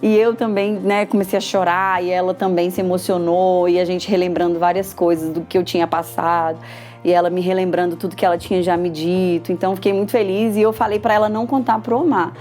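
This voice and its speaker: A young woman with a Brazilian Portuguese accent shares her own story in a heartfelt, lively way and acts out bits of conversation as she goes. Her voice is mellow and warm, with faint music playing softly behind her. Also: lowish voice, brisk. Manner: emotional, lively retelling with quoted dialogue. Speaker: patient giving a testimonial. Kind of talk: personal testimonial storytelling.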